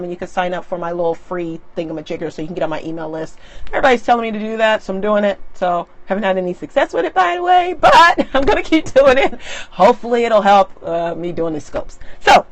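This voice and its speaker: A middle-aged woman talking casually on a live stream into her tablet, chatty and often laughing. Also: medium pitch. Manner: chatty and laughing, lively animated asides. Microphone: tablet mic.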